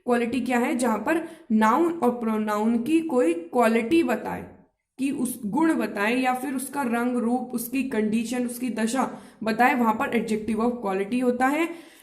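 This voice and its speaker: A woman teaching a grammar lesson, explaining step by step, asking herself rhetorical questions and checking with her listeners whether it is clear. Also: on the high side, measured pace, reverberant.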